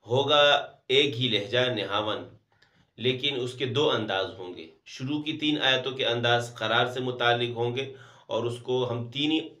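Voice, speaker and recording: Man teaching melodic Quran recitation, echoey. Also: mid-range voice. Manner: calm, explains step by step, then chants verses slowly. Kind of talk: spoken lesson with slow melodic Quran recitation. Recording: roomy echo.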